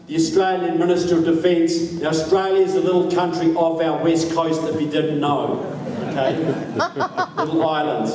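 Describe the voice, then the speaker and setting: A man's voice: fairly high pitch, darkish tone. A man with a New Zealand accent giving a political talk to a live audience, folksy and joking with the crowd. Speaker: guest speaker. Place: large hall. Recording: echoey hall, distant mic, faint noise.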